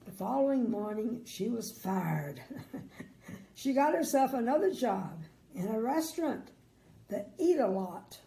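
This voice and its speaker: A sweet older woman reading a children's bedtime story aloud in a gentle, grandmotherly way, with chatty asides. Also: fairly high pitch, animated, measured pace.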